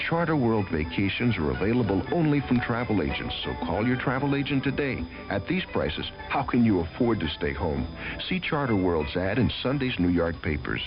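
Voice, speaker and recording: Man, American accent, radio ad announcer, animated intonation, low voice, music bed, muffled 1970s broadcast. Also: moderate pace. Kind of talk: 1970s scripted travel ad read.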